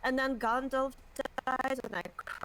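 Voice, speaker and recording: A woman co-hosting a live stream, chatting casually in a giggly, excitable, gushing way. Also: high-pitched, measured pace, slight background noise. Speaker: streamer, co-host.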